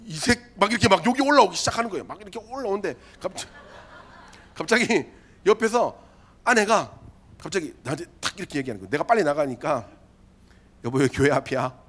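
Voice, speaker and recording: A male youth pastor preaches to teenagers in a bright, high voice that leaps up and down as he tells a story. He slips into comic voices for the people in it and keeps turning to his listeners with direct, chatty questions. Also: sing-song, fast talker, slightly rough. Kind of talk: sermon to a youth group.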